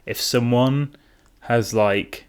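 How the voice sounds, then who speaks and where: A young Englishman hosting a podcast, rambling casually with plenty of swearing and "you know" fillers. His is plain throughout. He sits at an easy middle pitch and drawls his way through each point. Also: drawn-out words, smooth. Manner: loose and profane, drawling filler-heavy talk. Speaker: podcast host. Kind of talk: casual chat.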